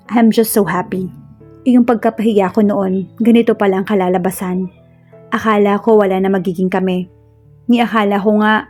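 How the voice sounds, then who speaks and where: A woman reading a romance story in first person, in a steady storytelling manner. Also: medium pitch. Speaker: story narrator. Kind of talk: scripted narration of a romance story.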